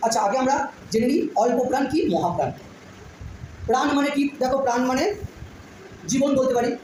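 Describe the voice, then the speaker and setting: A woman's voice: high voice, expressive, darkish tone. Female teacher, patient drilling delivery, recorded in a very echoey room with audible background noise. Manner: patient, repeats sounds slowly, checks understanding often. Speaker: school teacher. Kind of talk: classroom phonetics lesson.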